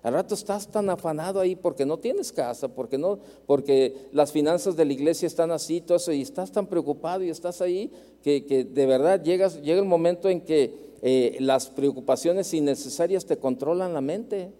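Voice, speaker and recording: A Mexican man preaching from the pulpit with a very warm, mellow tone pitched a little high. He tells stories and repeats key phrases for emphasis, and a long hall reverb trails behind every line. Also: moderate pace. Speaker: pastor. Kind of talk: sermon.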